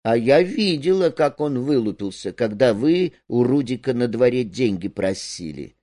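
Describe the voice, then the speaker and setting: A sly, scheming woman, voiced by a man reading the play, speaking slowly and knowingly. She sounds conspiratorial, with lively pitch swings. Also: no echo, studio quality, close to an everyday voice.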